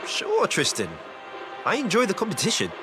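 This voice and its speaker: An actress playing an upbeat, confident street racing leader in a video game, with breezy, encouraging banter. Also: female voice, medium pitch, wildly swooping pitch, moderate pace. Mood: upbeat, teasing. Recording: loud music behind.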